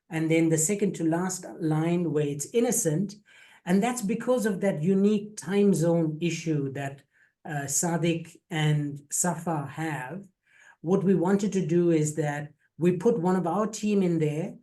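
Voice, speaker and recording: This program faculty host leads an online info session on a video call, keeping things casual and joking while repeating words often. His voice has a fairly high pitch and a dark tone.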